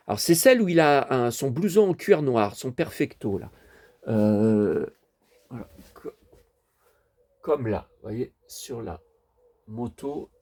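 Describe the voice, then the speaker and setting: A man's voice: medium pitch, animated, slow, pauses often, a little mellow. A man casually presenting his toy collection to viewers, chatty and rambling, talking straight to the audience. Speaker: collector showing his toys.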